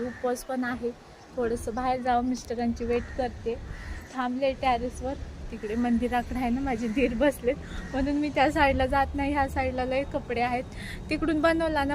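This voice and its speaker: A woman's voice: fairly high pitch, echoey room. A woman in her thirties chatting to her viewers in a casual vlog, filmed on a phone she holds herself, first at her home terrace and then in a furniture shop. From India. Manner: chatty, addresses viewers directly, haggles loudly. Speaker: vlogger. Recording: noisy phone recording with traffic.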